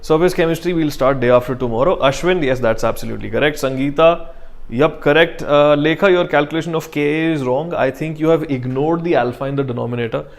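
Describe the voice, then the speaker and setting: A man's voice: fairly high pitch, brisk, gravelly. A young man with a North Indian accent teaches online in a conversational, encouraging lecture style, addressing his students directly and informally. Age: young adult. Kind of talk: conversational lecture to students, mixing English and Hindi. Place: indoor studio in front of a digital board.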